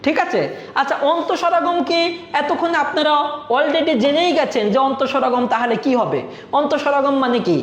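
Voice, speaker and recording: A man gives an exam-prep grammar lesson in a high voice for a man. He keeps asking the viewers questions and answers them himself. The sound is echoey, as if recorded in a bare room. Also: a little fast, a bit bright, a little hiss or hum. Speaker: teacher.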